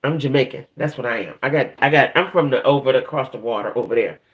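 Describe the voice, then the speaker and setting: Hosting a gossip show on a casual live stream, this northern U.S. woman speaks in a rumbling low voice, and the audio sounds dull. She rambles in a playful, colloquial way, frequently tacking a quick check-in onto what she says.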